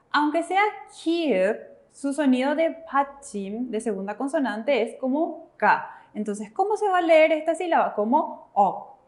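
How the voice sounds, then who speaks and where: A woman's voice: sits high, darkish tone. Paraguayan woman co-teaching a lesson. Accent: Paraguayan Spanish. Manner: encouraging, answers with "ujú". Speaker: Korean language teacher. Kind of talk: classroom explanation.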